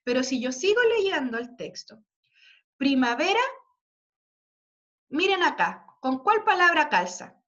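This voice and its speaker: A woman's voice: sits high, very animated, normal speed, few pauses, a bit bright. A woman teacher giving a classroom lesson, patiently spelling out examples and checking understanding with frequent tag questions. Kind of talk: classroom lesson explaining poetry. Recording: dull lo-fi recording.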